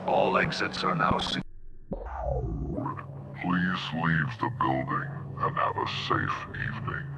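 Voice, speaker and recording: Low-voiced guy doing closing announcements over a mall pa, echoey, loud music behind. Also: slow pace. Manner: formal, repetitive, flat announcing. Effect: mall loudspeaker announcement. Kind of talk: public address announcements.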